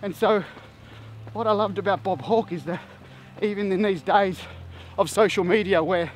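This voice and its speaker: A man vlogging, telling a story in an animated, emphatic way. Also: sits high, normal speed, a little hiss or hum. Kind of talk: casual storytelling monologue.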